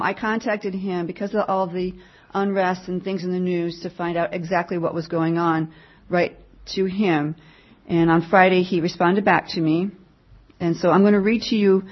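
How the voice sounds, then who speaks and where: Delivering a mission report to the congregation, a woman reads her written update in a plain, measured manner. The audio is dull, and her pitch is fairly low.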